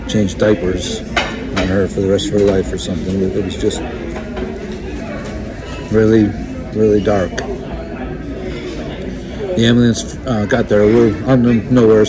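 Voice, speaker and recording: Older man, slow halting talk, crowd behind. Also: lowish voice. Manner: halting, reflective, many pauses and fillers. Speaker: vlogger. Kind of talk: casual recounting to camera. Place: indoors in a wood-panelled restaurant or bar. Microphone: phone held close, selfie framing.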